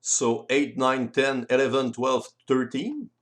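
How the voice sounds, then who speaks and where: In a mid-range voice with fairly even intonation, a man whose first language is French narrates the rules of a game in careful, halting English as an instructional voice-over.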